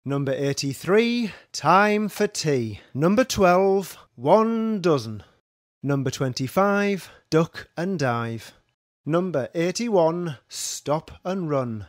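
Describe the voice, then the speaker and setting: A man's voice: on the high side, animated, takes it slowly, no room sound, clean studio sound. A man calling bingo numbers, each one followed by its traditional rhyme in a sing-song manner. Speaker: bingo caller.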